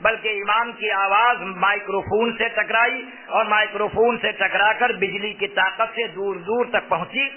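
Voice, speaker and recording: A male preacher with a high-pitched voice gives a sermon explaining a fatwa to listeners, emphatic and repeating key phrases. His tone stays steady at a moderate pace with few pauses. A loudspeaker microphone close to his mouth gives a tinny, phone-like sound.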